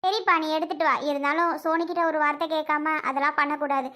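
Woman doing a mom laying down the law to her son, really high bright voice, firm and lecturing. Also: steady tone, quick pace. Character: scolding middle-aged mother. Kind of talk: family skit acting.

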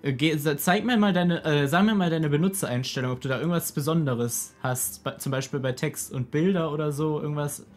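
A man's voice: a little high, a little fast, hardly any pauses. Young man in slangy gaming chat. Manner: slangy, blunt. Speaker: let's play gamer. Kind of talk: casual gameplay chat with a friend. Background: game music.

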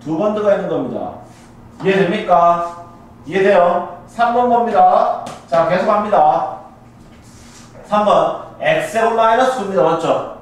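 Give me a high-voiced Gyeongsang Korean male teacher. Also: animated, unhurried. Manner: checks in with students after nearly every step. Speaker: math teacher. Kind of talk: classroom lecture. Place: classroom. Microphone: camcorder in the room. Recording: echoey classroom from far off, faint hiss.

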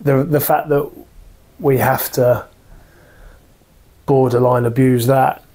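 A man's voice: medium pitch, steady tone, slow, darkish tone. A man in his thirties, a football manager giving a post-match interview, talking earnestly with many restarts and fillers in a small office.

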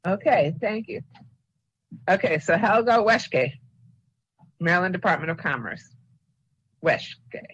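A woman chairing a public board meeting, calling on members in turn with short, brisk prompts. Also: on the low side, lively intonation, breathy edge, lo-fi sound.

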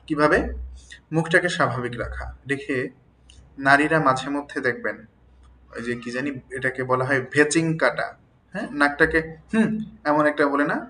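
A man's voice: fairly high pitch, bright, forceful tone, poor audio. A man teaching a lesson on jaw exercises and pronunciation drills, chatting with listeners and checking they follow. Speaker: teacher of standard Bengali pronunciation.

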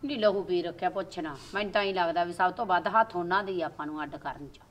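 A woman's voice: fairly low pitch, quick pace, lightly acted. A woman with a rural Malwa Punjabi accent, playing a caring older sister-in-law who keeps reassuring the other woman. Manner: soothing, reassuring.

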